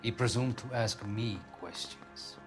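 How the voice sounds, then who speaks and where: A man's voice: fairly low pitch, a little slow, soft background music, lightly acted, poor audio. A man playing a haughty, pompous Argentine diplomat, formal and easily offended, in a crime drama video game. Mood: disdainful.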